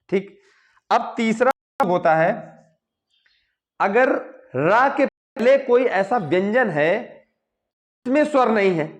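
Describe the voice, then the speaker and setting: A man teaching Hindi grammar, explaining step by step and checking in with "okay" between points. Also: sits high. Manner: slow, repeats "ठीक है" between points. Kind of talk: explaining at a board.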